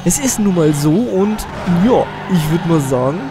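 A teenage boy, slightly sick with a cold, chats unhurriedly through a racing game in a slightly high voice with lively intonation, rambling and self-deprecating. Game music and car sounds play in the background.

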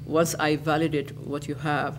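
An older woman from Iraq, an educator giving interview answers in a lecture hall, speaking in a measured way and restating her phrases. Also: low-pitched, level tone, noisy background.

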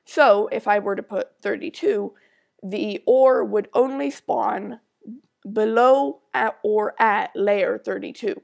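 Creaky-voiced and mid-range, a tutorial maker speaks through a stuffy nose while recording a coding screencast. She types code and reads it out slowly, voicing her thoughts along the way.

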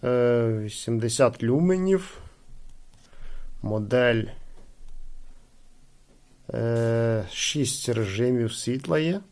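An unboxing host and reviewer speaks extremely slowly with long pauses, his mid-range voice animated yet a little mellow. He chats casually about the product, hesitating and filling gaps with filler phrases.

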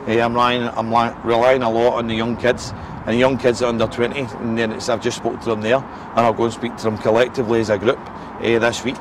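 This is a post-match interview with a Scottish man in his forties who manages a football team, speaking outside beside the pitch. Frank and repetitive, he leans on "eh" and "listen," his mid-range voice flat and fast over outdoor noise and passing traffic.

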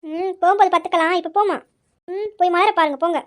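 Woman doing a sulky lazy daughter, whiny, cheeky, very high voice. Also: steady tone, quick pace. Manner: whiny, cheeky, talks back. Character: cheeky, lazy, sulky girl who oversleeps. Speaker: lazy teenage daughter in a family skit. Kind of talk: comic family skit acting.

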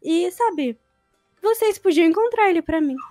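A woman voicing a threatening monster mother in a Minecraft role-play, slow and sly, with a Brazilian accent. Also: extremely high pitch, expressive, a little mellow, no room sound, clean studio sound, faint music behind. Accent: Brazilian Portuguese.

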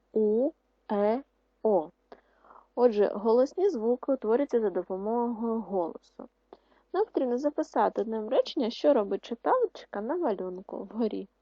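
A woman teacher giving an online lesson to second graders, speaking slowly and clearly and sounding out vowels one by one. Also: on the high side, dry recording, lo-fi sound. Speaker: primary school teacher.

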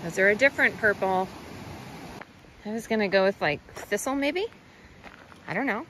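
A woman's voice: medium pitch, lively intonation, moderate pace, fairly bright tone, a little hiss or hum, low-quality recording. A woman chatting casually while hiking outdoors, bubbly and laughing often. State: out of breath on uphill. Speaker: vlogger. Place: outdoors on a mountain trail.

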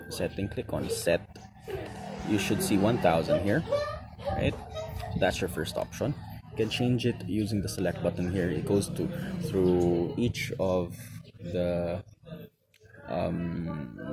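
A man with a Filipino accent, outdoors beside his motorcycle, casually explaining settings step by step with fillers and quick self-corrections. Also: low-pitched, gravelly. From Philippines. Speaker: motovlogger. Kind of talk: casual how-to walkthrough. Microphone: camera close to the instrument panel.

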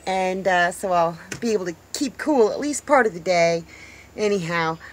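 A woman's voice: on the low side, expressive, moderate pace, slight background noise. A woman in her fifties talking casually to a handheld camera about her garden, upbeat and chatty. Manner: chatty, upbeat, exclaims at small discoveries. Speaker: homesteading vlogger. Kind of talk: casual outdoor vlog. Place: outdoors in a rural yard by a tiny house.

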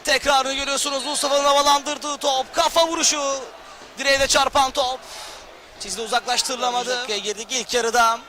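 A man giving live football commentary in a loud, excited delivery. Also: very high-pitched, fairly quick. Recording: loud crowd and noise behind. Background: noisy football crowd.

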